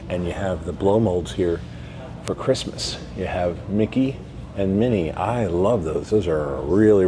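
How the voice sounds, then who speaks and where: A man with a slightly low voice narrates a walkthrough of a big indoor antique store, excited and full of exclamations. The handheld recording carries plenty of background noise. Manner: enthusiastic, exclamatory. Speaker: vlog host.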